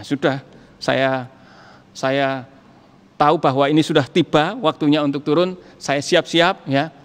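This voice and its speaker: Middle-aged male pastor, conversational sermon storyteller, slightly high voice, long hall echo. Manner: conversational, acts out dialogue in a story. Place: church hall.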